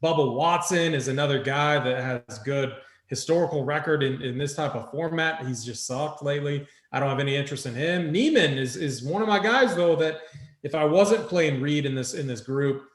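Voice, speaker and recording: On his casual sports betting show, a fantasy golf picks host talks over his selections conversationally, in a voice on the high side at normal speed. There's a roomy echo on the audio.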